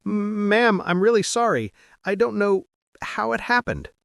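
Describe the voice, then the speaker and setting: A man's voice: high-pitched, fairly even intonation, a little slow, a little mellow, no room sound, clean studio sound, pitched above the performer's own voice. A man voicing a shy, flustered young male servant who stammers his apologies.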